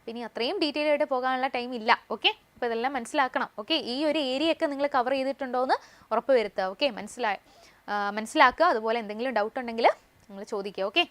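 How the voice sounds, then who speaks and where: A woman English teacher with a Malayali accent, explaining vocabulary and tenses in a live online class, reading English phrases slowly and with stress. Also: sits high.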